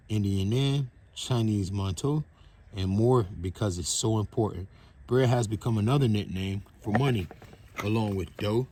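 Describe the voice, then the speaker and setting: Low-voiced man reading a kids' book. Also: warm tone, a little hiss or hum. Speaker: reader. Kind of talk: reading a children's book aloud.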